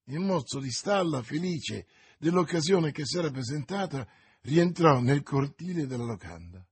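A man narrating an adventure novel as an audiobook. His voice is husky and sits a little high for a man, and he reads steadily and expressively. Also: lively intonation, normal speed. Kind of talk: audiobook reading.

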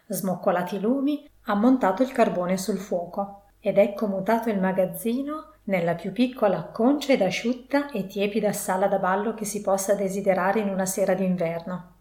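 A woman's voice: medium pitch, a little mellow. Woman narrating a classic novel, roomy sound. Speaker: audiobook narrator. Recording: roomy echo.

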